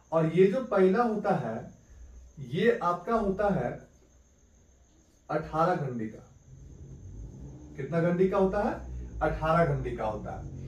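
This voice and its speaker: In a high-pitched, slightly mellow voice, a man runs an exam-prep class, turning the important points into questions he answers himself. The recording picks him up from a distance in a room full of echo.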